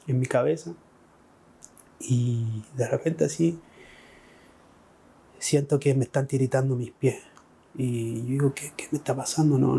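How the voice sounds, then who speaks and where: A man's voice: a little high, creaky, dark tone. A middle-aged man with a Chilean Spanish accent, telling his personal faith testimony with emotional, repeating phrases. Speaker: testimony speaker.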